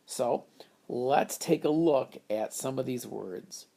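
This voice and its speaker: Speaking slowly in a warm, creaky, mid-range voice, a man leads a phonics lesson at a whiteboard. He patiently breaks down, one step at a time, how to divide words into syllables.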